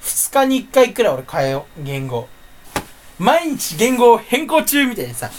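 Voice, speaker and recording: A man's voice: high voice, wildly swooping pitch, moderate pace, a little hiss or hum. A sleepy man with a stuffy nose rambling to himself in a casual solo chat, often correcting himself. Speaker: channel host.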